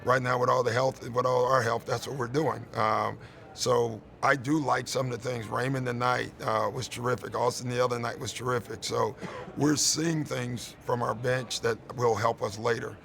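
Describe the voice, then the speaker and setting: A male head coach at a postgame press conference, speaking at a middling pitch with a gravelly edge. His delivery is candid and conversational, loose and full of "you know" and "listen" as he works through his answers. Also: steady tone, normal speed, fairly bright tone.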